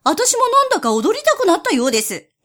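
A woman's voice: very high-pitched, huge pitch swings, quick pace, a bit bright, pitched above the performer's own voice, heavily acted. A woman voicing a sly, scheming male spotted cat who coaxes in a syrupy tone, in a storybook reading. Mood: coaxing. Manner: coaxing, wheedling tone.

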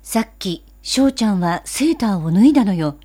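A woman voicing a calm, firm mother in a storybook reading, speaking in a composed, polite way. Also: mid-range voice, moderate pace, husky. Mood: concerned.

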